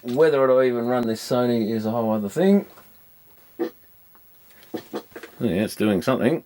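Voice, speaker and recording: Here a man fixing electronics on video talks through the job in a casual, rambling, matter-of-fact way, thinking aloud as he goes. He has a dark, mid-range voice with lively intonation and speaks a little slowly.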